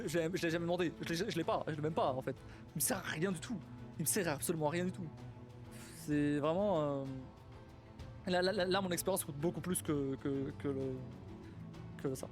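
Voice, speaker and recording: A young man with a slightly higher voice talks casually on a live stream, rambling and swearing as he goes. Faint music plays softly behind him. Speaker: streamer and game developer.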